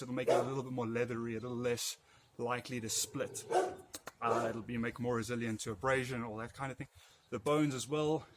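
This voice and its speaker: Man instructing over loud background noise. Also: medium pitch. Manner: practical, loose and unscripted, with fillers. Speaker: martial arts instructor. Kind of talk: demonstrating and explaining training.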